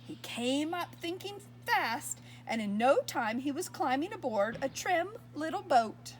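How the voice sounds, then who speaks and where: High, lively woman reading a storybook. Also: unhurried, a little hiss or hum. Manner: expressive, asks listeners questions. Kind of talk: reading a picture book aloud to young children.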